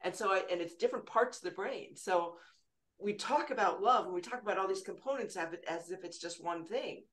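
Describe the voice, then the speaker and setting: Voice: mid-range voice, a little fast, a bit bright. A podcast host who asks the panel questions and explains the brain science of love in a lecturing way.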